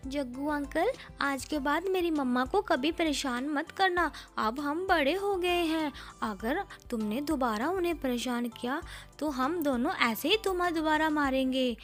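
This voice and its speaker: A woman's voice: high-pitched, measured pace, a bit bright, soft background music, voice pushed up. A woman voicing a protective young sparrow boy who stands up for his mother. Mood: stern. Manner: fierce, commanding.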